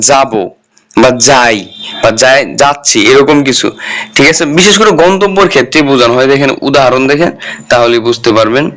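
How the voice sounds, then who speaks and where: A man's voice: on the high side, a bit bright. Man teaching, answering his own questions. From Bangladesh. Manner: repeats points as questions and answers them himself; colloquial, checks in with "ঠিক আছে?". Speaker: Japanese language teacher. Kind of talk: casual explanatory lesson.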